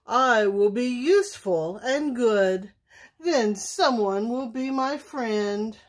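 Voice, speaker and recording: A woman's voice: fairly high pitch, slow pace, pitched above the performer's own voice. A woman voicing a lonely big bad male wolf who tries to be good, speaking sweetly and politely in a storybook. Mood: sweetly earnest.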